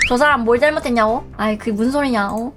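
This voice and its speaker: Young woman streamer, high voice, teasing and chatty, bit of game music behind. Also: a little fast. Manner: playful, teasing, chatty with viewers. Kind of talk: live game streaming chat.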